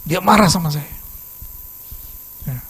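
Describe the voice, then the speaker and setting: A pastor preaching a sermon and telling a personal testimony in a lively storytelling manner, swinging suddenly between soft and loud. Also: male voice, a little high, slow pace, slightly rough, low-quality recording. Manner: lively storytelling, acts out quoted dialogue.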